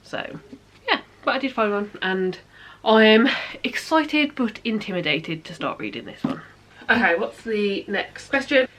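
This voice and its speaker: A woman's voice: mid-range voice, lively intonation, a little slow, fairly bright tone. A British woman from the UK, chatting casually about her books in a rambling, giggly way. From United Kingdom. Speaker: book vlogger. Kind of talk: casual chat.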